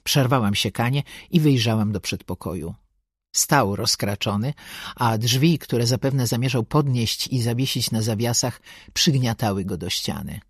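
Low husky woman reading sardonically. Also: no echo, studio quality. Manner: sardonic, bossy, dryly comic. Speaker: audiobook narrator. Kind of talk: first-person audiobook narration.

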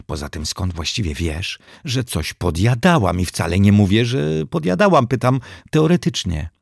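A man's voice: fairly low pitch, very animated, moderate pace, creaky, dry recording, studio quality, full character voice. Man putting on a flustered young maid. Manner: flustered and anxious. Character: nervous, irritable young woman, hotel maid.

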